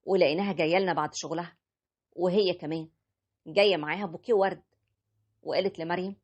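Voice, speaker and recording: A woman's voice: on the low side, steady tone, fast talker, a little mellow, husky, lo-fi sound. A woman narrating a story as a young married man who stands by his wife, in a plain conversational retelling. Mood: recounting.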